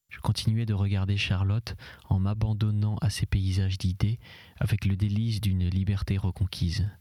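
A male narrator reads a literary novel in a measured, hushed way, his voice somewhat low and noticeably husky. The recording is close and completely dry. Many phrases slip into a breathy half-whisper. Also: no room sound. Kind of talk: audiobook reading of a literary novel.

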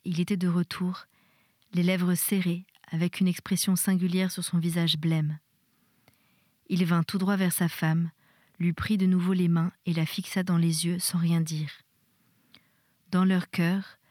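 A woman reading a novel aloud in a soft, intimate style, sometimes dropping to a whisper. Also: lowish voice, no echo, clean studio sound. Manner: soft, intimate, drops to a whisper in tender passages. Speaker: reader.

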